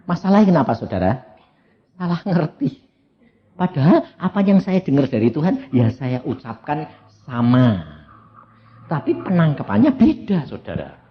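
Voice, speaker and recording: Elderly man, Javanese accent, preacher, storytelling sermon, lively intonation, muffled lo-fi recording. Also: fairly high pitch, normal speed, pauses often. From Central Java, Indonesia. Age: elderly, around 80. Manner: anecdotal, humorous, addresses audience as "saudara". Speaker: evangelist preacher.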